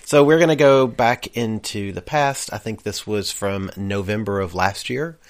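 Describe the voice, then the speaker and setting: A man's voice: lowish voice, normal speed. A man hosting a podcast, giving a casual, conversational introduction. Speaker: podcast host.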